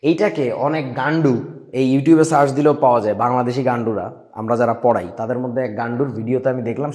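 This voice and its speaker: A man's voice: medium pitch, a little mellow. A young man teaching chemistry, blunt and scolding, mixing in English words and quizzing his students. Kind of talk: online class lecture.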